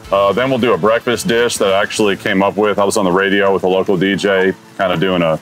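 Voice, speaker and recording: Fast and level in a low voice, a man who owns a restaurant talks easygoingly and eagerly about his food in the dining room. He uses fillers like "you know", and the lapel-mic recording has music playing beneath.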